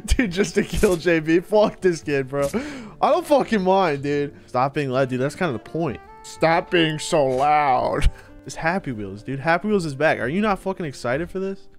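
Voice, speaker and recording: A man streaming a game and commenting, excitable, laughing and shouting often, swearing a lot. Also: a little high. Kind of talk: gameplay commentary.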